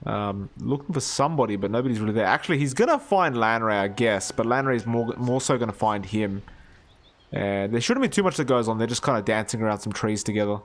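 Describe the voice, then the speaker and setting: A man casting a live video game match, animated and quick to rise at big plays. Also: fairly low pitch. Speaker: esports caster.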